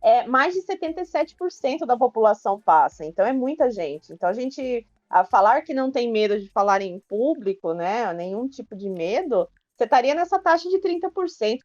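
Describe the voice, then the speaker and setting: A Brazilian woman appears as a podcast guest on public speaking, offering practical tips in a chatty, explanatory style packed with filler tags. Her fairly high voice is animated and fairly quick, with a darkish tone. The audio has no echo, and the highs are cut off.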